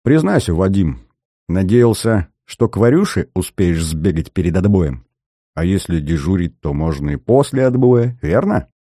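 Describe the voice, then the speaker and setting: A man's voice: deep voice, moderate pace, no echo, studio quality, exaggerated voice. Cheeky young soldier, raised teasing voice, a man doing it. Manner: lively, mocking.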